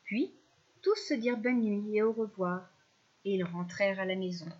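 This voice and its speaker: A woman reading a children's story aloud in a gentle, expressive manner. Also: mid-range voice, normal speed, dull audio.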